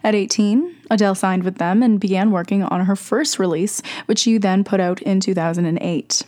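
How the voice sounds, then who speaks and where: A young woman hosts a radio music show, reading scripted commentary in a medium-pitched, dark-toned voice at normal speed. She sounds congested, with a sore throat and a stuffy nose.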